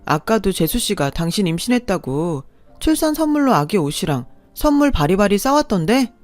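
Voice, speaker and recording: A woman's voice: medium pitch, big pitch swings, moderate pace, a little mellow, dry recording, close to an everyday voice. A woman voicing an easygoing young husband who brushes off complaints in a casual, placating way.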